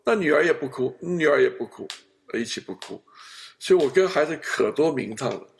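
Male pastor, animated storyteller with a gravelly edge; counseling talk. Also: fairly high pitch, fairly quick. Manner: animated storyteller, acts out family scenes.

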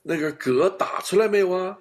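In a high-pitched voice, a little fast, a male pastor tells family stories during a counseling chat. He's an animated storyteller who acts out the scenes as he goes.

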